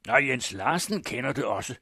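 A man's voice: lowish voice, creaky, slightly rough, dry recording, studio quality. A man doing a fierce, jeering accuser. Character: vengeful shouting male farmhand accuser. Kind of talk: audiobook reading.

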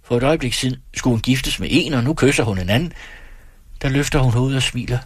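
A man reading a novel aloud in a measured storytelling manner. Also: medium pitch, husky, dry recording. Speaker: reader.

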